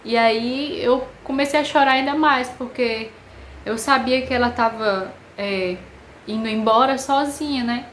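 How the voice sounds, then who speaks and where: A woman with a Brazilian Portuguese accent, telling a personal story to camera in an emotional, halting way with many pauses. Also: a little high, slight background noise. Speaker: vlogger. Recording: echoey room with faint ambience.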